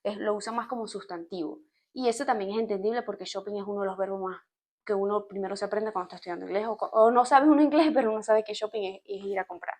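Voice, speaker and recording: A woman from Venezuela with a Venezuelan accent, chatting to camera in an expressive, explaining way, with laughs. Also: mid-range voice, fast. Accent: Venezuelan Spanish. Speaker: vlogger. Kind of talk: casual storytime chat to camera.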